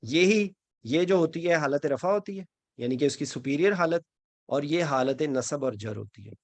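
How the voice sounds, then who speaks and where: A man's voice: fairly high pitch, expressive, no echo. A male teacher giving an online grammar class, explaining step by step and checking in with his students as he goes. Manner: mixes English phrases into Urdu. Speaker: Quran and Arabic grammar teacher.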